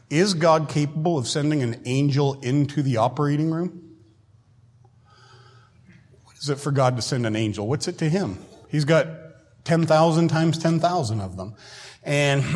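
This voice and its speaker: Man preaching in a reverberant hall. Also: fairly high pitch. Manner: conversational, clears throat often. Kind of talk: sermon.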